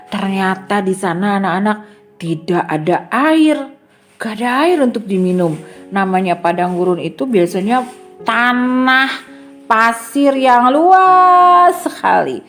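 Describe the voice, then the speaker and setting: A woman kindergarten teacher telling a Bible story to young children in a lively way, asking them questions. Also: mid-range voice.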